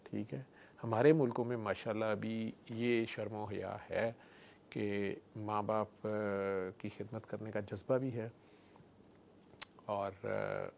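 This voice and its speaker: Gravelly doctor. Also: male voice, on the low side, flat delivery, slow pace, a little mellow, a little hiss or hum. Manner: storytelling, frequent "theek hai" check-ins, mixes in English terms. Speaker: doctor guest. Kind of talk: explanatory conversational interview.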